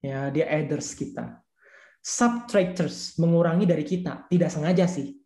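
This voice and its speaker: A man's voice: on the high side, measured pace, mellow, reverberant. A man who leads a church youth ministry, teaching a discipleship class in a casual, slangy way and repeating his key points.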